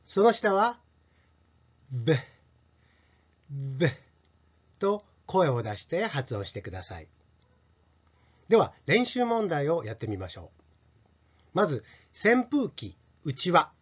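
Male teacher, middle-aged, lively swinging voice, demonstrates sounds slowly for kids. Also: a little high, slightly rough. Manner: slow, drawn-out sound demonstrations. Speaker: English teacher. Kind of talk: pronunciation lesson for children. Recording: dull lo-fi recording.

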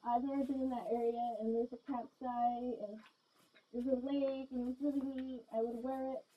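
A woman's voice: fairly high pitch, little pitch movement, moderate pace. Giggly woman talking through a gas mask. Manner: chatty, many fillers, giggly. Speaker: vlogger. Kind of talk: casual rambling chat to camera. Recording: dull lo-fi sound.

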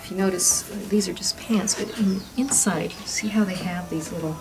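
A woman's voice: medium pitch, moderate pace, background noise. A middle-aged woman, a museum docent, explaining household objects indoors in an old wooden farmhouse. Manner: explaining, pointing things out, "if you notice". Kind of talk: guided demonstration. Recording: distant mic with music behind.

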